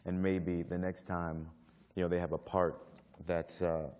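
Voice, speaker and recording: A man on a panel telling a casual story to an audience. He talks haltingly, with many fillers and restarts, and laughs often. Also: low-pitched, level tone, a little mellow, clean tone. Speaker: actor on a panel. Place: stage before a live audience.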